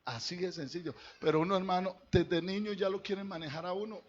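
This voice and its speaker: Husky-voiced pastor preaching. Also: male voice, sits high, brisk, muffled recording. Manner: conversational preaching, addresses the congregation directly. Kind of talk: sermon. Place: church.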